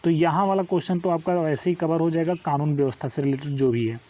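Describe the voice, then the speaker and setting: This exam coaching teacher talks quickly in a voice on the high side, dark in tone with fairly even intonation. During his informal online lesson he walks through each step and often asks tag questions to be sure listeners are keeping up.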